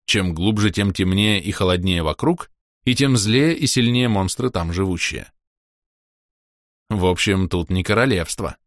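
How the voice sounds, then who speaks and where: A man narrating a fantasy audiobook in an expressive, wry storytelling manner. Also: low voice, a little slow, dry recording, studio quality. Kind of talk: scripted narration.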